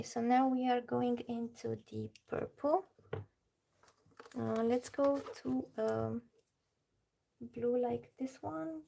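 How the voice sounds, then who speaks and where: While colouring on a livestream, a woman from Romania with a Romanian accent chats away, reading her chat aloud, answering it, and laughing often. Her voice is on the high side, creaky and mellow.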